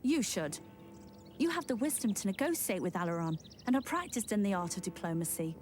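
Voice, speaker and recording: A woman's voice: mid-range voice, very animated, a little fast, natural voice. An actress playing a resolute young queen who leads her troops, speaking proudly and decisively. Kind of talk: video game cutscene voice acting. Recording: game audio with loud music.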